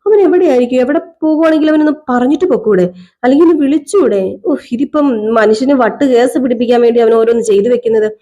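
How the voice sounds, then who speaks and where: A woman's voice: high-pitched, fast, mellow. A woman retelling a serial voices a worried middle-aged father who frets and scolds. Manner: anxious, fretting, then scolding.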